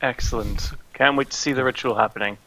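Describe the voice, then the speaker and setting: A man playing in an online tabletop game, joking and laughing at his own dark jokes. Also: mid-range voice, fairly quick, heavy background noise. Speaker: player. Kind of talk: casual game chat.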